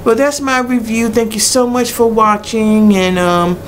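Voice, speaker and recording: A middle-aged woman giving a blunt, casual product review in a hesitant way with many pauses. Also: a little high, fairly even intonation. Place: small cluttered room indoors. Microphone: webcam at arm's length. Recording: noisy webcam recording with room ambience.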